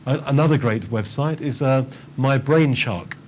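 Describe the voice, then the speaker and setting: A man's voice: medium pitch, a little slow, slight background noise. Man giving an enthusiastic teaching webinar. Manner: enthusiastic, with frequent ums and repeated words. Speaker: teacher trainer. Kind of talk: webinar presentation on teaching pronunciation. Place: online webinar.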